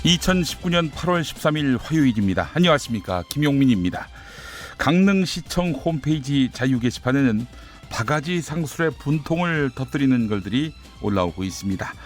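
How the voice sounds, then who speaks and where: A man's voice: medium pitch, expressive, a little fast, soft background music. A man hosting a radio show, delivering an indignant editorial commentary and show opening. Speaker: radio host.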